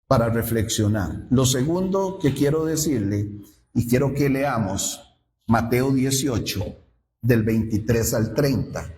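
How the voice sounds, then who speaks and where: A male pastor delivers a sermon in a high voice that leaps up and down as he questions his listeners. He speaks slowly and deliberately. The sound rings with the long reverb of a church hall. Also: a little mellow, a little hiss or hum. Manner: rhetorical questions to the congregation, wide swings in pitch.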